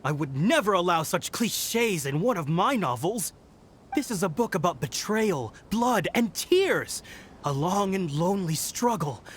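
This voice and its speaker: A man's voice: high-pitched, lively intonation, a little slow, slight background noise. A man playing a proud, dramatic, stubborn novelist in a video game, with a theatrical, self-important delivery. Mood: grave, dramatic. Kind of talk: animated video game voice acting.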